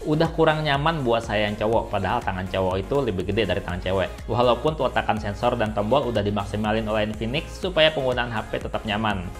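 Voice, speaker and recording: A man's voice: on the low side, fast. A man narrating a casual, scripted tech review as a voice-over. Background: background music.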